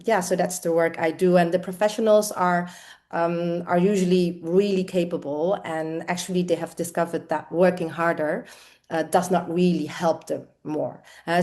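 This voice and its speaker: A woman's voice: lowish voice, a little mellow. A middle-aged woman from the Netherlands, an executive coach, answering interview questions in a thoughtful way with frequent fillers.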